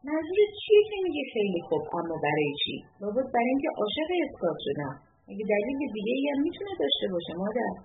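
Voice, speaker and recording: A shrill, indignant young woman, as a woman narrator puts her on. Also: big pitch swings, roomy sound, a little hiss or hum. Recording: tinny lo-fi audiobook with music.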